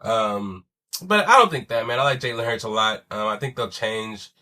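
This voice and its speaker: Hosting a solo sports podcast, a young man with a lowish, sharp voice talks at a moderate pace in a loose, conversational way full of slang and swearing. He sounds stuffy and wheezy from a chest cold.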